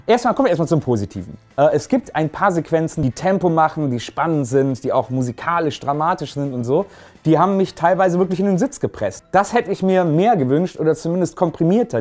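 Sarcastic male film critic, slightly high voice. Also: darkish tone. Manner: sarcastic, ranting. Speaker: film critic, show host. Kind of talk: casual film review.

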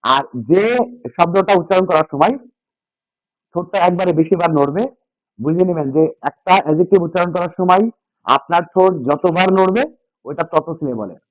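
A high-pitched male voice moves fairly quickly but pauses often as he teaches English grammar, repeating key ideas and questioning his students. It's a call-and-response classroom lesson captured in a dull, dry, lo-fi recording.

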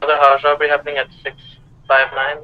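A man playing a police officer, giving rapid, clipped turn-by-turn calls during a car chase over a walkie talkie. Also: fairly high pitch, completely flat delivery, phone-quality sound.

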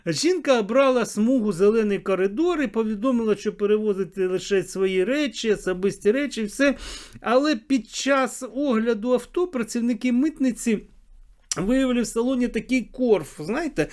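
A man's voice: very high voice, normal speed, a little mellow. A man video blogger giving commentary to camera in a sarcastic way, repeating phrases for emphasis.

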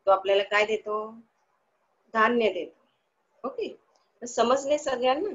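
Teaching little kids online, a woman speaks a little slowly in a slightly high voice, coaxing them in a sing-song way. She asks the class questions, then supplies the answers herself. The audio quality is lo-fi.

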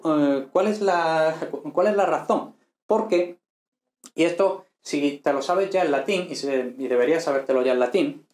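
A man's voice: a little high, darkish tone. Spanish-speaking man teaching, roomy sound. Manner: patient, repeats points with frequent "¿vale?" and "¿no?". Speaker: ancient Greek teacher. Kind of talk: explanatory online lesson.

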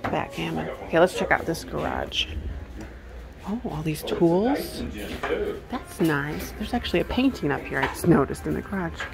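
A woman vlogger and antiques reseller browses houses and garages at estate sales, half murmuring casual commentary to herself on a handheld phone or camera. Her voice is deep, expressive and creaky, at a moderate pace.

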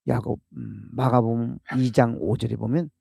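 Male pastor for a dawn sermon and prayer: gravelly, warm low timbre, repeats lines for emphasis, drops to whispers between loud peaks. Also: fairly even intonation, moderate pace, no echo, clean studio sound. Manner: emphatic repetition, swinging between loud proclamation and hushed whispered asides. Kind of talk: early-morning sermon and closing prayer.

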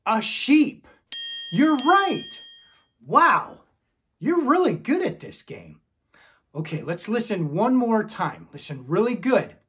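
A man's voice: sits high, wildly swooping pitch, measured pace, slightly rough. A man leading children's ministry, telling a Bible story to kids with enthusiasm and calling on them to join in. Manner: enthusiastic, calls for the audience to join in.

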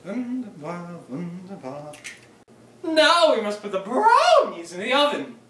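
A young man playing a zany over-the-top TV chef in a spoof cooking show, shouting sing-song exclamations in mock foreign phrases, filmed in a home kitchen on a camera a few steps away. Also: high voice, wildly swooping pitch, a little slow, heavily acted. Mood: manic. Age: young adult. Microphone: phone camera a few steps away. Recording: echoey kitchen, camera from a distance.

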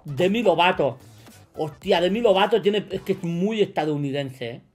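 Excitable man with a Spain Spanish accent. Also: high voice, normal speed, faint music behind. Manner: excitable, joking, boastful, bursts into shouts. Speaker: streamer playing a quiz. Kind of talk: casual gaming commentary.

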